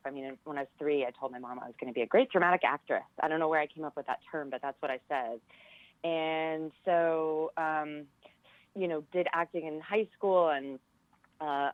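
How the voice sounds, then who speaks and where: An American woman in her forties from California, a theater professor and director, chats casually and tells personal stories as an interview guest. Her voice is deep, the sound phone-quality with no echo.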